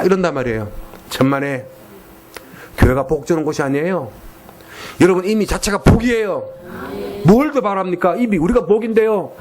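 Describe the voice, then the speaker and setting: An emphatic male missionary preacher with a Gyeongsang Korean accent, delivering a sermon in a church sanctuary. His voice sits a little high for a man, and he drives points home by repeating phrases, now and then slowing into careful English. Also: a little mellow.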